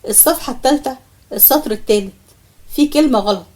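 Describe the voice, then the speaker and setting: A woman with an Egyptian accent voicing a male boss who speaks calmly and pointedly. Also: high-pitched, quick pace, lightly acted. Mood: needling. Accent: Egyptian Arabic. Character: male boss, calm and needling.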